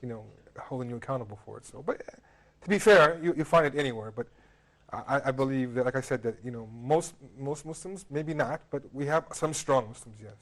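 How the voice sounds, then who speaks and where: A man's voice: mid-range voice, brisk. A man from the United States, a guest on a studio panel, speaks casually with many fillers and restarts. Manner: hesitant, many fillers and repeated words. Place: television studio.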